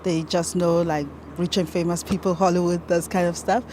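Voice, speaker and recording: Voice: mid-range voice, little pitch movement, moderate pace, a little mellow, slight background noise. A young participant from South Africa, speaking in an upbeat way in an interview. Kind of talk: casual interview.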